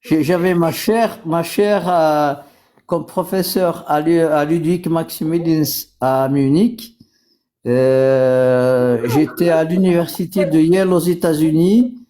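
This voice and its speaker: An older man chatting casually on a live stream, halting and repeating words as he switches languages. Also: on the high side, dark tone. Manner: halting, repeats words, switches between French, English and German. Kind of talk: casual chat.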